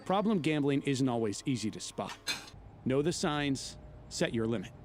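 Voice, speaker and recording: A man reads a scripted public service announcement. His pitch varies widely, and his tone stays calm and earnest. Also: moderate pace, slight background noise.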